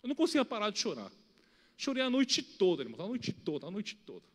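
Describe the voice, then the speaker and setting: A young man giving an emotional sermon testimony with a Brazilian Portuguese accent, pleading and swinging from shouted appeals to quiet storytelling. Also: sits high, huge pitch swings, quick pace, in a large hall. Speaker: preacher.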